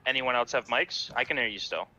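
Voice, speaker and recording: A man's voice: mid-range voice, a little fast, bright, forceful tone, highs cut off. A man playing a game with friends in easygoing casual chat, now and then jumpy. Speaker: fellow player.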